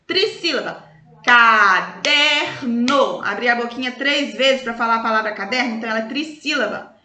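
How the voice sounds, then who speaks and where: A Brazilian woman with a Brazilian Portuguese accent teaches schoolchildren in a recorded review lesson, explaining slowly and drawing out example words in a sing-song manner. Her voice is slightly high with a sharp tone, and the room sounds echoey.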